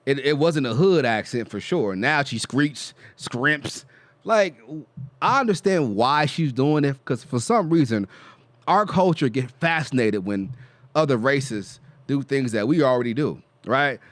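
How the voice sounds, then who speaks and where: A man co-hosting a reaction video, talking in animated slang with laughs in casual commentary. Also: medium pitch, measured pace, no room sound.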